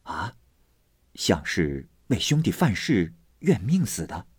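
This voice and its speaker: Man doing a polite young nobleman, soft and respectful, low husky voice. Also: big pitch swings, slow, no echo, studio quality, exaggerated voice. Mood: deferential.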